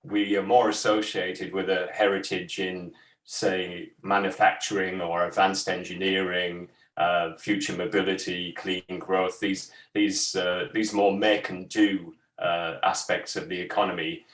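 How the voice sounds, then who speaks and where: A man's voice: low voice, little pitch movement, unhurried, fairly bright tone. A man speaking as a sector advisor over a video call, hesitant and full of ums and restarts, in an echoey room far from his mic. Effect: heard over a video call.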